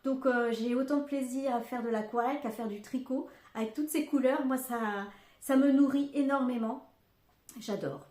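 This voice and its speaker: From an echoey room in her home, an older craft podcaster talks at normal speed in a high, darkish voice. Her casual chat wanders, packed with fillers and asides.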